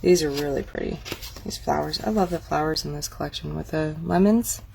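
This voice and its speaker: A woman's voice: sits low, a little fast, creaky, darkish tone, a little hiss or hum. A woman casually walking viewers through a craft catalog, chatty and admiring, thinking aloud as she goes. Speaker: craft demonstrator. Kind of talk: casual product walk-through.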